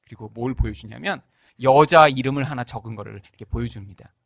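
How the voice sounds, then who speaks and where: A man's voice: medium pitch, quick pace, creaky, fairly bright tone, no echo. A man preaching a sermon as pastor. He keeps asking the congregation rhetorical questions and acts out the voices in his stories. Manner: tells stories with acted-out voices.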